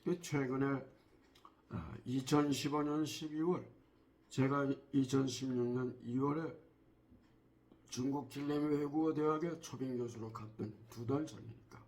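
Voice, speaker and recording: Man giving a measured history lecture. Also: fairly high pitch, a little mellow. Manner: measured, asks rhetorical questions, pauses with "ah" fillers.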